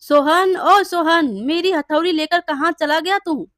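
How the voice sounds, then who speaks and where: A woman's voice: high voice, measured pace, no echo, studio quality. A woman doing an honest kindly blacksmith man. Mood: distressed.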